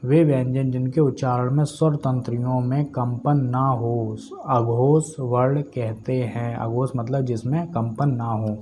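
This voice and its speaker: Man, teacher, mellow warm voice, step-by-step explaining, repeats terms, drills syllables, faint background hiss. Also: mid-range voice, fairly even intonation, a little slow, few pauses. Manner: explains step by step, often adds "okay friends". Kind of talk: exam-prep grammar lesson.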